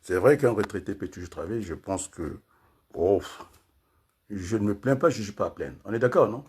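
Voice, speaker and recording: Casting: older man from congo, low voice, wandering political commentary. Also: expressive, moderate pace, darkish tone, slight background noise. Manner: rambling, frequent tag questions and fillers. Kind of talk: casual political talk.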